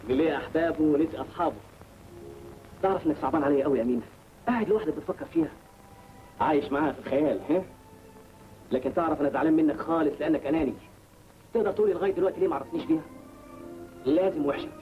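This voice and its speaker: A smooth, teasing young screen idol with an Egyptian accent, played by a man. He speaks very fast in a slightly raised voice. The old film soundtrack is dull, with music beneath. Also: on the high side, lightly acted. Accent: Egyptian Arabic. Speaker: film actor character. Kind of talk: 1950s Egyptian film acting.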